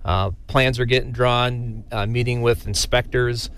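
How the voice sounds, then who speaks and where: Informal man, halting, medium-pitched. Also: steady tone, fairly bright tone, clean tone. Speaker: business owner, interview guest. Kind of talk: casual radio interview.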